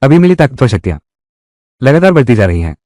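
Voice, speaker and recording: A man voicing a young livestreamer who cracks police cases, in expressive dubbed drama dialogue. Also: medium pitch, fast, no room sound, studio quality, close to an everyday voice.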